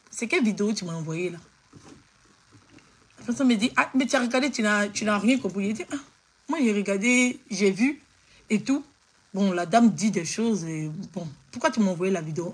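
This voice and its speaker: A woman's voice: mid-range voice, husky. A woman from Côte d'Ivoire telling her followers what happened, in a casual, repetitive retelling. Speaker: social-media host. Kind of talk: casual storytelling to camera.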